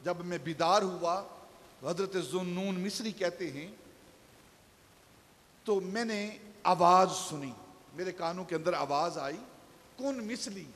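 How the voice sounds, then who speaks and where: High-voiced man preaching in a reverberant hall. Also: long pauses, a bit bright. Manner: storytelling preacher, voice rising to emphatic peaks. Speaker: pastor. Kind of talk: Friday sermon. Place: shrine mosque hall.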